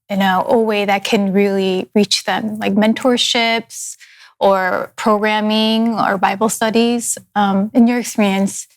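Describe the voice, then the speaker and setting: A woman with a mid-pitched voice moderates a roundtable. She asks her questions plainly and directly, then hands the floor to the panel. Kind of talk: roundtable discussion.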